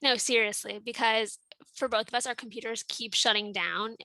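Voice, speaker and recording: A young woman co-hosts a podcast in a casual, self-deprecating way. Her voice is bright and fairly high, recorded dry and close, with "like" sprinkled through her sentences. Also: fairly even intonation, moderate pace, dry recording. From Montreal, Canada. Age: about 20. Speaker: podcast co-host. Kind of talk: casual chat. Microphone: headset.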